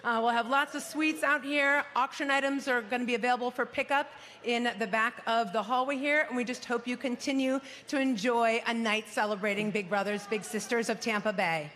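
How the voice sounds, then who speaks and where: A woman's voice: on the high side, steady tone, fairly quick, a bit bright. A woman hosting a charity gala, making upbeat, thankful announcements from the stage of a hotel ballroom. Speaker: event host for a charity. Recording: long ballroom reverb.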